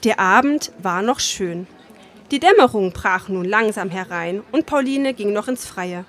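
A woman reading a literary story aloud, retelling parts of it in her own words with calm storytelling and the occasional filler. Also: mid-range voice, a little slow. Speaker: reader.

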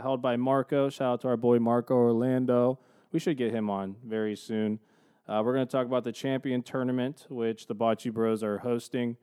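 A man's voice: mid-range voice, warm tone, clean tone. A man hosting a podcast, chatting casually as he lays out the episode. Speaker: podcast host.

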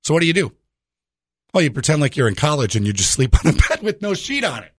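A male radio host delivers a jokey, conversational monologue straight to the listener, full of rhetorical questions and very animated, swooping delivery. His voice is fairly high and slightly rough, he talks fast, and the recording is close and dry.

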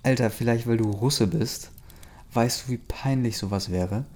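A man's voice: mid-range voice, moderate pace, a little mellow, close to an everyday voice. A man reading a curt, irritated teenage girl. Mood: annoyed. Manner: curt, dismissive. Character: irritated teenage girl, sharp-tongued narrator.

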